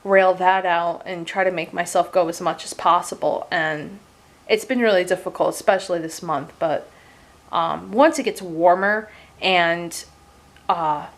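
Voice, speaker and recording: A woman's voice: fairly low pitch, steady tone, a little slow. A woman in her late twenties giving a casual, rambling monthly update vlog from her couch as a gaming streamer. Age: 20s. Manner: chatty and rambling, with frequent fillers and casual swearing. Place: at home on a couch.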